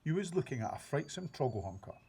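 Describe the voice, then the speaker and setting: A man reading aloud, voicing an excitable big friendly old male giant who mangles his grammar and invents words. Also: fairly high pitch, fast, gravelly, husky, pitched above the performer's own voice, full character voice. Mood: grumbling. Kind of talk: reading a children's book aloud.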